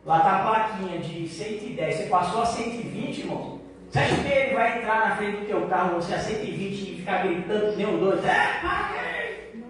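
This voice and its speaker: High-pitched pastor preaching, chatty, lots of questions to the crowd, picked up from far off with background noise. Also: male voice, fast, very echoey. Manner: conversational preaching with many rhetorical questions to the congregation; jumps from quiet talk to loud emphatic lines. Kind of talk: sermon. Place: large church hall.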